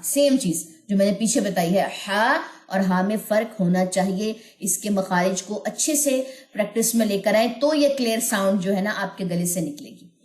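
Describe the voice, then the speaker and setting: A woman teaching Quran recitation in a recorded online lesson, patiently explaining sounds and chanting verses slowly and melodically. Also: mid-range voice, reverberant.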